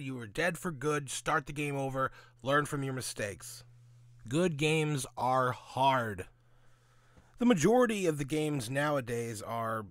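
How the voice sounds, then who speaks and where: A man with a medium-pitched, fairly bright voice hosts a gaming commentary audio log, recorded with no room sound. He's blunt, sarcastic and sweary, offering casual opinions and often posing questions only to answer them himself.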